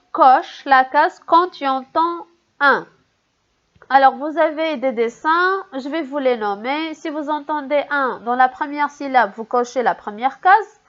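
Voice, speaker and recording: Woman, school teacher, high and unhurried, repeats words for young pupils, dull lo-fi recording. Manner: slow, careful, repeating each word for young pupils. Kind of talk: recorded reading lesson for children.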